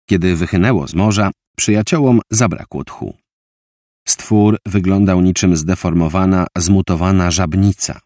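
A man narrating an audiobook with a vivid, expressive reading. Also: sits low, dry recording, clean studio sound.

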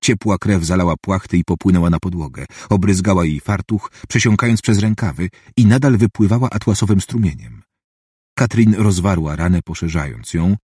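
A man reading a novel aloud as an audiobook, in an even, measured narration. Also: low voice, breathy edge, no room sound, clean studio sound.

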